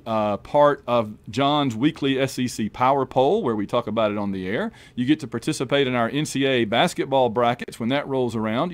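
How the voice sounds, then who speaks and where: A man hosting a sports podcast, briskly reading out a long list of patron thanks. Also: a little high, dry recording. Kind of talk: scripted read of patron names.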